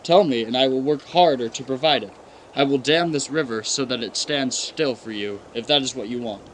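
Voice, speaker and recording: A man's voice: medium pitch, brisk, slight background noise, lightly acted, poor audio. A man playing a proud, ambitious young businessman and suitor in a radio play, formal and self-assured. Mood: urgent pleading. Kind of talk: live-audience radio play acting.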